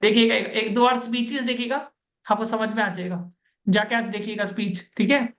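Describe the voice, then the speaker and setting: A woman's voice: a little high, steady tone, brisk, fairly bright tone. A woman with an Indian accent coaching an interview candidate in Hindi, talking in a repetitive, instructive way and laughing often.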